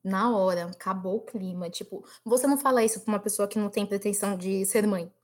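A young woman, blunt and expressive in a casual chat with friends. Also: mid-range voice, quick pace.

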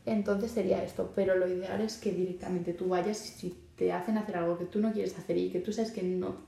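A woman's voice: lowish voice, fairly even intonation, fairly quick, vocal fry, dark tone, a little hiss or hum. A young woman from Spain with a Spanish accent, hosting her podcast and chatting loosely, with lots of fillers, as she gives advice. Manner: chatty, lots of fillers, acts out quoted lines. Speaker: podcast host. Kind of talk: casual advice monologue. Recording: echoey room.

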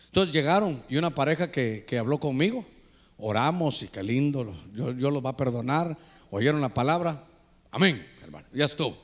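A man's voice: mid-range voice, expressive, moderate pace. An older man preaching a sermon as pastor, telling stories and calling the listeners brother.

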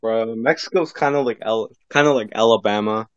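A man's voice: fairly low pitch, fairly quick, no echo. Man, casual podcast chat, rambling storyteller, says "like" a lot, muffled lo-fi audio. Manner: rambling, full of "like" and "bro". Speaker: podcast co-host. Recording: dry, dull lo-fi sound.

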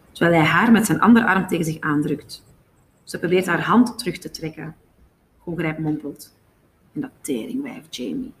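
A woman reads a novel aloud in a steady, even narrating voice. Her pitch sits on the low side for a woman, and she keeps an unhurried storyteller's line throughout. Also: a little hiss or hum. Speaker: audiobook reader.

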